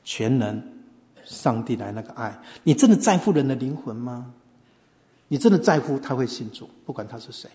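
A man's voice: medium pitch, animated, normal speed, mellow. A man preaching a sermon, telling stories and asking the listeners questions. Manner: storytelling, asks the audience questions. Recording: long hall reverb.

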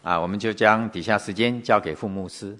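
A man's voice: on the low side, a little fast, fairly bright tone. A man leading a church service, reading scripture aloud and shifting his voice for each quoted speaker.

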